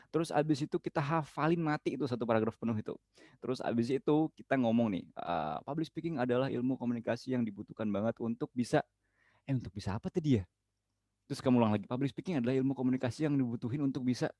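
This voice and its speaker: A young man teaching public speaking in a casual workshop, lively and mixing in English phrases. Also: lowish voice, no room sound. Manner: lively, mixes English phrases, acts out students' worries. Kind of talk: casual online workshop talk.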